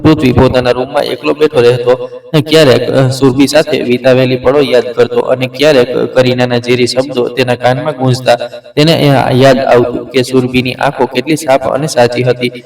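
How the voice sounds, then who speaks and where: A man narrating a dramatic family story in a steady, deliberate reading. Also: mid-range voice, creaky. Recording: roomy, distant mic.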